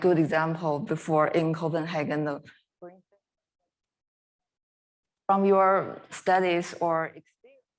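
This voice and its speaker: A woman's voice: fairly low pitch, poor audio. Woman on a call with uneven, cutting-out volume. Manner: halting, searching for words. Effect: choppy, uneven volume from a microphone that keeps cutting out. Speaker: roundtable participant asking a question. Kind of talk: online panel discussion. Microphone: video call microphone.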